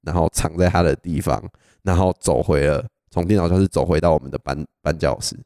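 A young man with a Taiwanese Mandarin accent, co-hosting a podcast and telling stories in a lively casual way, laughing often. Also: very deep voice, a little fast, no echo, clean studio sound. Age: young adult. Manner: animated storyteller, laughs often. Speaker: podcast co-host. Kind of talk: casual storytelling chat.

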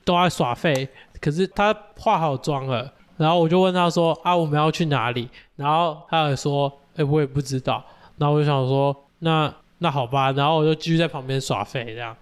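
Higher-voiced teasing podcast man. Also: brisk, clear, resonant tone. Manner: teasing, laughs along, chimes in. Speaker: podcast co-host. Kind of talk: casual podcast chat.

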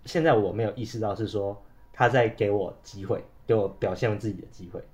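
A man's voice: fairly low pitch, a little fast, crowd noise. A man with a Taiwanese Mandarin accent co-hosts a casual podcast chat, muffled by a face mask and stuffed up with a cold and cough. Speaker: podcast co-host.

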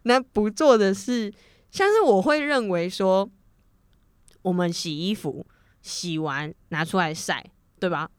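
A woman's voice: mid-range voice, a little slow, clean tone, no echo. A young woman with a Taiwanese Mandarin accent chatting casually on a podcast, acting out both sides of an argument and laughing often. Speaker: podcast co-host. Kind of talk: casual chat.

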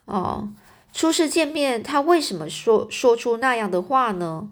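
A woman's voice: a little high, animated, unhurried, pitched above the performer's own voice. A woman voicing a guarded, evasive young man in a storybook reading. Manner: curt, evasive replies.

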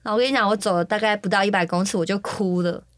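Taiwanese lady podcast host, talks quick, acts out the voices in her story, dry studio mic. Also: mid-range voice, no echo. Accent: Taiwanese Mandarin. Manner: animated storyteller who acts out quoted dialogue. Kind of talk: casual chat, storytelling. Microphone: studio microphone.

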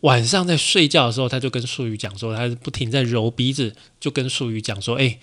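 A man hosting a podcast, retelling a story in a lively, colloquial way. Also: mid-range voice, a little fast. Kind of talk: casual storytelling narration.

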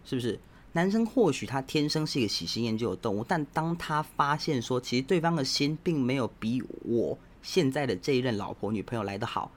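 A man with a Taiwanese Mandarin accent, hosting a podcast as a casual opinion monologue, blunt and provocative as he lectures his listeners directly. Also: mid-range voice. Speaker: podcast host.

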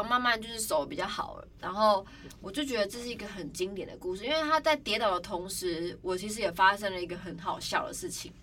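A young woman hosting a podcast, telling stories in a casual, animated way and acting out other people's cries. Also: mid-range voice. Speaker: podcast host. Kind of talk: casual storytelling chat. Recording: slightly distant mic, faint background noise.

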